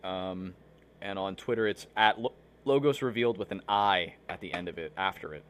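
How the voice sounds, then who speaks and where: A low-pitched man with a fairly bright tone hosts a live online show at a moderate pace. He talks casually to his viewers, rambling with lots of fillers and frequent restarts while battling hiccups.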